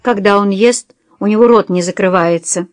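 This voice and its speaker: A cheeky teenage girl who mocks everyone, herself first, as a woman reads her out. She stretches her words slowly for effect, in a dry, close audiobook voice. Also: medium pitch, no echo, close to an everyday voice. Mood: teasing. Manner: teasing, drawn-out emphasis.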